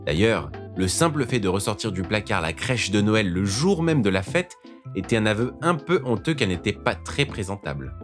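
A man narrating a scripted audiobook story in a calm storytelling manner. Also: fairly low pitch, normal speed, music in the background.

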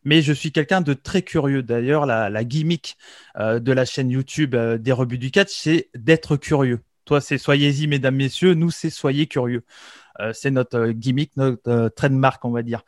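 A man's voice: medium pitch, moderate pace, no echo, studio quality. A man in his thirties from France hosting a wrestling interview podcast, talking eagerly with many fillers and restarts. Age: 30s. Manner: hesitant, filler-heavy, eager. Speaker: podcast host, commentator.

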